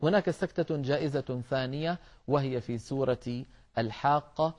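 A man teaching the rules of Quran recitation in a measured, explanatory way, addressing his listeners as brothers. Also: medium pitch, a little mellow. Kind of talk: tajweed lesson.

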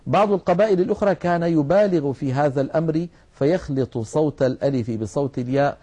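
A man's voice: a little high, fast, mellow. A man teaching the rules of Quran recitation, explaining patiently and drawing out sounds to demonstrate them. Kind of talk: religious lesson on recitation rules.

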